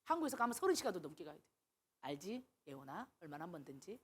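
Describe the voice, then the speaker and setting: A woman's voice: fairly low pitch, sing-song, quick pace, slightly rough. A woman missionary preaching a sermon, telling stories animatedly and acting out the dialogue she quotes.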